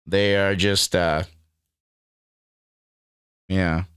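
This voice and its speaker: A man's voice: low voice, little pitch movement, extremely slow, fairly bright tone, clear, resonant tone, no room sound, clean studio sound. A laid-back young man giving a rambling, casual review to camera, calling the viewer dude and man. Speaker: cannabis strain reviewer.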